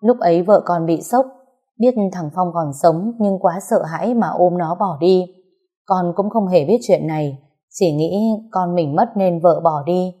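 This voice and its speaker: A nervous middle-aged son, slow and stammering as he pleads for forgiveness, voiced by a woman storyteller. The voice stays low and mellow, barely lifted from the reader's own. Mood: pleading.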